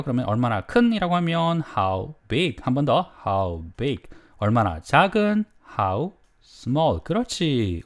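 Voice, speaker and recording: A man teaching an English lesson, prompting learners to repeat, and reading model sentences slowly and deliberately. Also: fairly high pitch. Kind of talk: drill-style language lesson.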